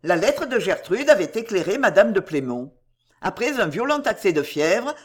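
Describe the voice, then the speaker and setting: A narrator reading a classic novel aloud in an expressive storytelling manner. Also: medium pitch.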